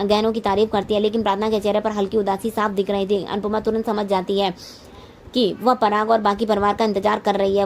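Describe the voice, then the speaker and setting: Woman, serial recap narration, flat delivery, frequent restarts, faint noise behind. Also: medium pitch. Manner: frequent restarts and self-corrections.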